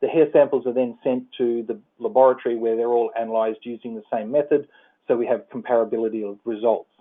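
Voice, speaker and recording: An Australian man walks listeners through his slides on a conference call. His middle-pitched voice comes through a narrow, tinny phone line. He talks haltingly, filling pauses and restarting his sentences. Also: steady tone. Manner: halting, many fillers and restarts. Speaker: presenter.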